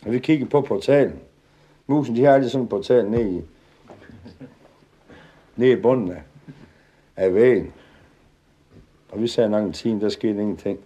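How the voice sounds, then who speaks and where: A man tells a funny anecdote to a live audience in a lively, chuckling way. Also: fairly low pitch, long pauses. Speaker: storyteller. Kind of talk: comic storytelling to a live audience.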